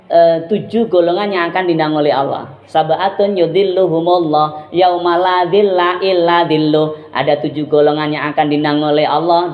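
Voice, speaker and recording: A woman giving a lively religious talk to a women's study group, playfully acting out examples in sudden high bursts. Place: study group gathering room. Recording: echoey, dull room recording.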